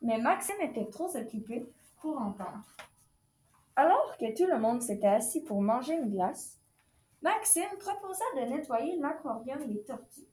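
A woman reading a children's picture book aloud with expressive storytelling. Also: high-pitched. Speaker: storybook reader. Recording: echoey room.

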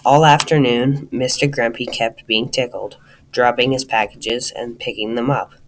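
Man, children's story read-aloud, lively, talks to the listener, faint hiss. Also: medium pitch, normal speed, rough recording. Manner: lively, addresses the listener directly.

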